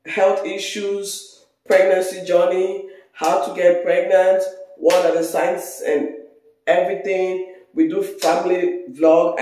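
A woman in her thirties with a Nigerian accent, chatting casually on her vlog, hoarse, congested and tired. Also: lowish voice, a little mellow. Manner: chatty, rambling. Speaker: vlogger. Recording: very echoey room.

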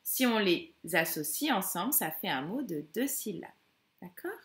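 A woman teacher giving a slow, emphatic phonics lesson to young children, stretching out each syllable. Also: medium pitch, sing-song, roomy sound.

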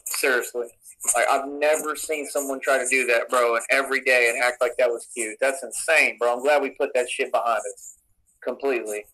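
A man's voice: medium pitch, steady tone, a little fast, pushed and bright, low-quality recording. A man in played clips, ranting aggressively with profane, threatening, swaggering talk.

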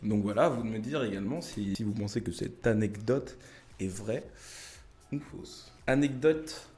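A man's voice: lowish voice, normal speed, darkish tone. Chatty young man telling travel stories. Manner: chatty, many fillers, addresses viewers directly. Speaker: YouTuber telling travel anecdotes. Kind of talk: casual storytelling to camera.

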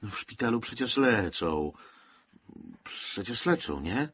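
A man voicing a calm, wry young soldier in an audiobook who reassures his friend. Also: on the low side, a little slow, creaky, a little hiss or hum, pitched above the performer's own voice, heavily acted.

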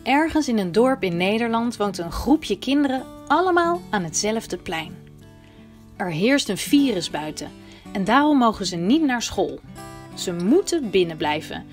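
A woman's voice: medium pitch, sing-song, a little slow. A woman presenter introducing a children's story series in scripted narration. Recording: soft guitar music behind.

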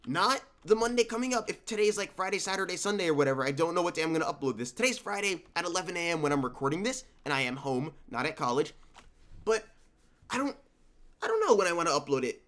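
A man's voice: fairly high pitch, expressive, fast, fairly bright tone. A young man with a sick voice, giving rambling, casual voice-over commentary for his gaming channel from home. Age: young adult. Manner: rambling, conversational, restarts. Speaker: gaming YouTuber.

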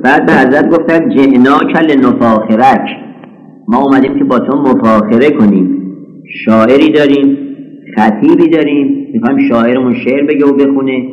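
A man teaching scripture commentary in a deliberate, measured way, slowing down to recite Arabic passages. His voice rings through a large hall with a long echo, and the recording sounds dull and muffled. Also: mid-range voice, a little mellow. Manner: measured, deliberate, chants Arabic quotations slowly. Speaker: Quran exegesis teacher. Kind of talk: religious lecture.

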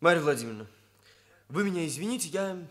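In a Soviet radio play, an actor voices an earnest young hairdresser who speaks in stilted, pompous officialese and sounds aggrieved. The young adult man's voice sits on the high side, with lively intonation and fast delivery. The performance is lightly acted, and the background is noisy.

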